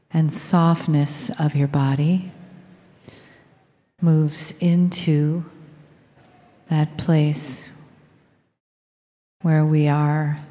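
A woman leading a guided meditation in a soft, soothing, unhurried manner with long pauses, recorded in a reverberant room. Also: sits low. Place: large room with people present. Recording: reverberant hall.

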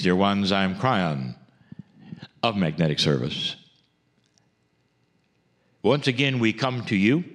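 A man delivering a channeled spiritual message as a solemn address, deliberate and oratorical, with weighty pauses. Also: on the low side.

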